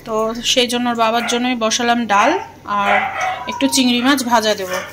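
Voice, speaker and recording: A woman's voice: fairly high pitch, steady tone, fairly quick, very noisy. Chatty woman cooking at home. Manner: chatty, homely, talks while cooking. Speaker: vlogger. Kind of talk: casual cooking vlog chat. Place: home kitchen.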